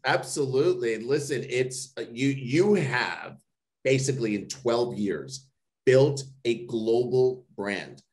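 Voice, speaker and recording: A man's voice: medium pitch, lively intonation, takes it slowly, a little mellow. A man hosting an interview podcast, chatty and enthusiastic, swearing casually. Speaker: podcast host.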